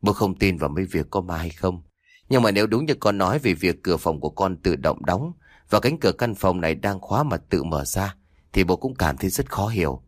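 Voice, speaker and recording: A man's voice: deep voice, lively intonation, brisk, no room sound, clean studio sound, voice pushed down. A man voicing a skeptical middle-aged father who questions his child and grows puzzled. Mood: uneasy.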